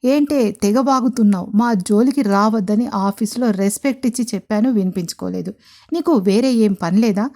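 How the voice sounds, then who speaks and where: A woman voicing a confident young woman CEO who teases and speaks with calm sarcasm in an audio love story. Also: mid-range voice, normal speed, lightly acted. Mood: sarcastic.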